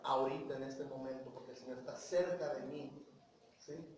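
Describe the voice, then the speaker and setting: A man's voice: medium pitch, fairly even intonation, moderate pace, a little mellow, slight background noise. A man with a Mexican accent teaching a Bible class at church, talking with the congregation and often checking in with "right?" and "yes?". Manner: asks the congregation questions, tags with "¿sí?" and "¿verdad?". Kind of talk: conversational Bible lesson to a congregation. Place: church meeting room. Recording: very echoey room, mic far off.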